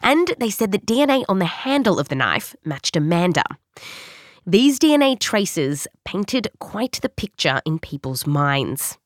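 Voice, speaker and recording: A woman's voice: lowish voice, no echo, studio quality. A woman with an Australian accent narrating a scripted science documentary in a conversational storytelling way, leaning on key words. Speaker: host and narrator.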